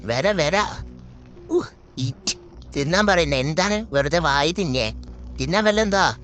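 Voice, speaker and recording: A man giving live gameplay commentary as a gaming host, excitable and repeating words in quick bursts. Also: fairly high pitch, soft background music.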